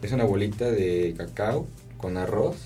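A young woman from Chiapas with a sing-song Chiapas accent, talking fast in casual chat, full of fillers. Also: extremely low pitch, animated, warm tone, soft background music. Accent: Mexican, Chiapas. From Chiapas, Mexico. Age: young adult. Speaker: student guest.

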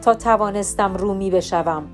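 A woman reading the lines of a Roman commander, a wary and curious man, in a plain, measured way. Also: mid-range voice, faint music behind, pitched below the performer's own voice, lightly acted. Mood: questioning.

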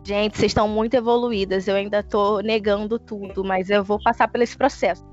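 A woman's voice: medium pitch, steady tone, a little fast, darkish tone. A woman in casual chat, reflective and earnest. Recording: dull lo-fi sound with faint music.

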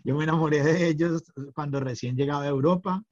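A man's voice: on the high side, fast talker, darkish tone, highs cut off. A middle-aged man chatting as a podcast guest, hesitant, with many fillers and restarts. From Colombia. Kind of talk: casual chat.

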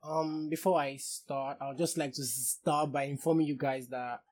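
A young man with a Nigerian accent chatting casually as an excitable, slangy podcast guest. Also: a little high, normal speed. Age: young adult. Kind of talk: casual chat.

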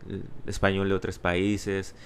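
Low, gravelly man. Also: monotone, slight background noise. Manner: halting, repeats and restarts words, code-switches into Spanglish. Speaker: interview guest. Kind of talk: casual personal storytelling.

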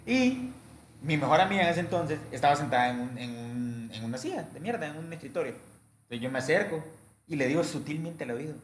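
A man's voice: a little high, expressive, fairly quick, echoey room, slight background noise. A young man, telling a crude, slang-filled story as podcast co-host. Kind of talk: casual storytelling chat.

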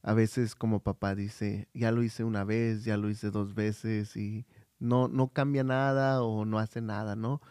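A man's voice: fairly low pitch, flat delivery, measured pace, a little mellow, smooth, no echo, studio quality. A man co-hosting a podcast in casual chat, hesitant with frequent fillers and restarts, telling personal stories. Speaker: podcast co-host.

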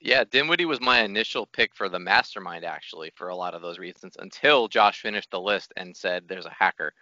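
A man co-hosting a casual podcast chat, measured and calm as he makes his case. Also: on the low side, no room sound. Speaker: podcast co-host. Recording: slightly dull podcast audio.

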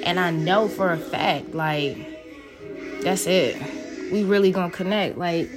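A young woman hosts a podcast, chatting casually and frankly with plenty of laughs and cursing. Her voice sits a little low for a woman. Music plays clearly behind her. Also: a little slow. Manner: loose and laughing, swears freely. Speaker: podcast host. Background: background music.

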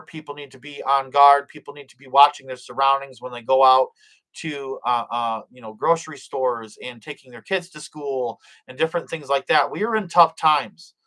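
The recording is rough, and the man's voice sits on the high side with a bit of brightness. While hosting his live stream, this middle-aged man reads chat messages aloud, blesses people and prays, frequently restarting and filling pauses.

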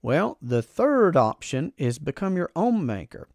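A man's voice: on the high side, big pitch swings, unhurried, no room sound, studio quality. A man giving an emphatic, explanatory talk about personal finance, repeating phrases for stress and restarting his sentences. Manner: frequent self-restarts, casual asides. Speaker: finance educator.

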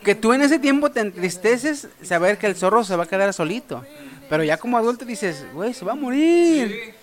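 A man with a Mexican accent hosting a casual chat, relaxed and swearing often. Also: high-pitched, fairly quick. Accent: Mexican Spanish. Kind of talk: casual chat among friends.

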